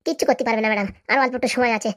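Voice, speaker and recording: A woman's voice: a little high, steady tone, no echo, clean studio sound, close to an everyday voice. A woman voicing a sly, bossy female campaign aide in a cartoon, talking persuasively. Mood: scheming. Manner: fast, persuasive scheming.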